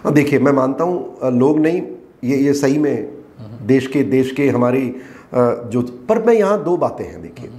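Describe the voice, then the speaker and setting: A middle-aged man, a retired army colonel, explaining forcefully in an interview and firing off rhetorical questions. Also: mid-range voice, very animated, normal speed. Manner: emphatic, rhetorical questions, gets heated.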